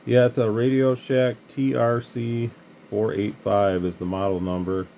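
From an indoor radio bench, a CB hobbyist who hosts a channel chats easily in his Michigan-bred Midwestern accent. He speaks at a measured pace with a fairly low, gravelly voice whose highs are cut off, over a steady bed of hiss and radio noise.

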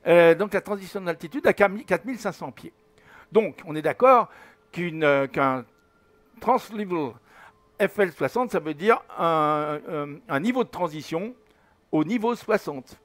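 A man's voice: on the high side, a bit bright. A man in his seventies giving a casual spoken flight-simulator tutorial, rambling with many fillers and restarts. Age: 70s. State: recovering from fever, slight headache. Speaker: flight sim tutorial host.

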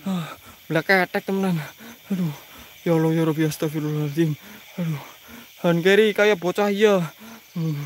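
A man's voice: on the high side, steady tone, normal speed, pauses often, a little hiss or hum. A man with a Banyumas Javanese accent giving comic ghost-hunting vlog commentary outdoors, full of groans and repeated pleading exclamations. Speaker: mystery vlogger. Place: haunted garden outdoors.

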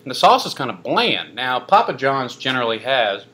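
Rambling bright-voiced man reviewing food. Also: mid-range voice, big pitch swings, moderate pace. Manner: rambling, filler-heavy, dry self-mocking asides. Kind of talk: casual food review vlog.

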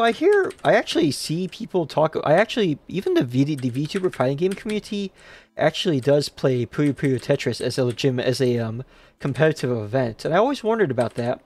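A livestreamer talks chat through a round of play in loose, rambling live commentary. The voice sits at an ordinary middle pitch, mocking itself and cursing at the game as it goes. Faint game music and keyboard clicks run underneath. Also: a little mellow. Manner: rambling, self-mocking, swears and rages at the game.

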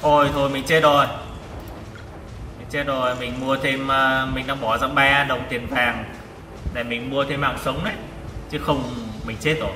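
In a flat, medium-pitched voice at normal speed, a gaming vlogger calls out live commentary on his tank game, exclaiming and repeating brief phrases. The background is noisy, with loud game music, a distant mic, and echoey room acoustics.

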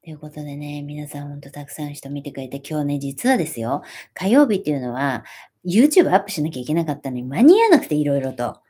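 A woman's voice: low-pitched, big pitch swings, fast, dark tone, breathy edge. A woman in her forties hosting a livestream, reading viewer comments aloud and answering them in a friendly, chatty, self-deprecating way. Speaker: livestream host. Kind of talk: casual livestream chat.

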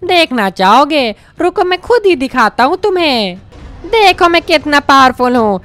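A woman's voice: sits high, big pitch swings, moderate pace, fairly bright tone, faint music behind. A woman voicing a scrawny, vengeful male Hulk king in a game story, sneering and menacing.

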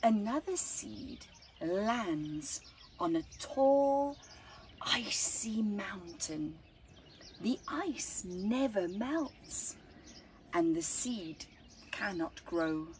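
A middle-aged woman reading a children's picture book aloud outdoors, phrasing deliberately with dramatic emphasis and hushed words. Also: mid-range voice, a little hiss or hum. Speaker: storytime reader. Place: outdoors at a flower farm. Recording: outdoor ambience with birdsong.

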